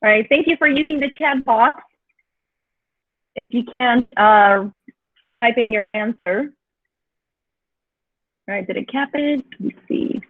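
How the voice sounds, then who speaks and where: Leading an online teaching workshop for teachers, this Mexican woman with a Mexican accent is chatty and encouraging, using many filler sounds. Her slightly high voice is unhurried, with long pauses, and the video-call sound is tinny and dry.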